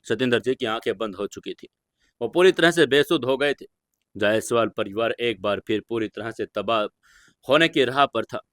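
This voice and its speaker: A man's voice: medium pitch, moderate pace, fairly bright tone, no echo, clean studio sound. Man narrating a dramatic audio story.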